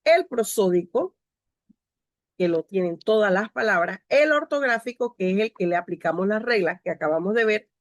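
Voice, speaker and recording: A woman's voice: mid-range voice, lively intonation, moderate pace, dry recording, studio quality. A woman teacher giving a grammar lecture over a video call. She explains step by step and cues each slide aloud. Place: home.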